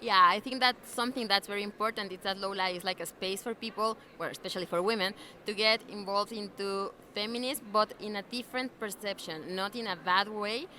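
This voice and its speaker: A woman's voice: medium pitch, a little fast, hardly any pauses, sharp tone, slight background noise. A woman from Mexico City with a Mexican Spanish accent, speaking in a friendly, upbeat way with "like" fillers in a casual interview. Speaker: interviewee, alliance member. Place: busy convention venue.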